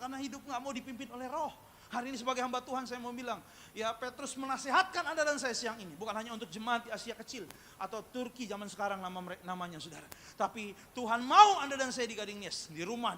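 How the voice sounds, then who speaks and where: A man preaching, with a high voice that has a bright, sharp edge. He weaves jokes and anecdotes into the sermon and keeps calling out to the congregation for amens. A faint hiss sits under the church service recording. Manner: humorous storytelling, repeatedly addressing the congregation; calls for amen and audience responses. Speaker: pastor. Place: church service, also streamed live.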